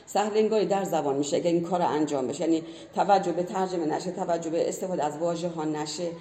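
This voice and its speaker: A woman's voice: on the low side, dark tone. A woman who teaches language, explaining earnestly in conversation and giving many spoken examples. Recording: roomy echo.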